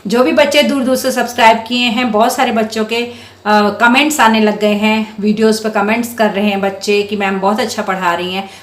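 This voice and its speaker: A woman teaching young children to read, sounding out syllables slowly and clearly in a patient, encouraging way. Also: mid-range voice, steady tone, echoey room. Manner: drawn-out syllables for sounding out words. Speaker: primary school Hindi teacher.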